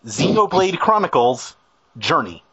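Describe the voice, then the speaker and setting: Lively husky-voiced man reading questions. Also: fairly high pitch, a little slow, no room sound. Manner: reads out questions, plays along with the jokes. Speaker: podcast co-host reading questions. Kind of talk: casual comedic chat. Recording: dull lo-fi audio.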